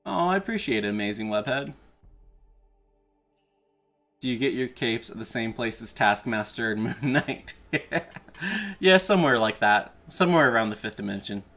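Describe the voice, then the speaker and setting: A man's voice: mid-range voice, expressive, moderate pace, pauses often, bright, forceful tone. A man chatting casually on a livestream as an enthusiastic fan, swearing now and then. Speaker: streamer, video creator. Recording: music playing behind the voice. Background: background music.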